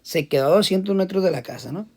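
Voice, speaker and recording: A man's voice: high voice, lively intonation, fast talker, a little mellow. A man teaching a physics lesson in a casual classroom style. He often repeats words and restarts as he talks through a problem while drawing.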